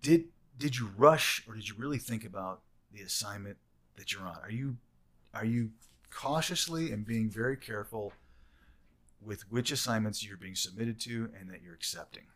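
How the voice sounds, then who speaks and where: A man who works as a recruiter, co-hosting a casual chat and talking animatedly with some teasing. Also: on the low side. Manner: talkative, animated, quick to tease. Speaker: travel nurse recruiter, podcast co-host.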